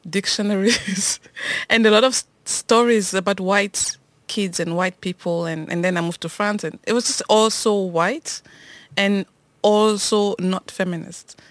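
A woman's voice: medium pitch, steady tone, unhurried, dry recording. Reflective woman from Cameroon, hesitant speech. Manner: reflective, restarts and hesitates often. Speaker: podcast co-host. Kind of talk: casual conversation between friends.

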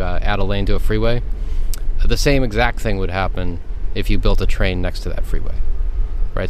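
A man with a lowish voice explains like an expert in an interview. He is conversational and emphatic, often checking that the listener follows, over faint background noise.

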